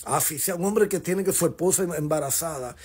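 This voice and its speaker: A man hosting a celebrity gossip show, talking in a loud, mocking, theatrical way and egging on the audience. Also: on the high side, a little fast, husky.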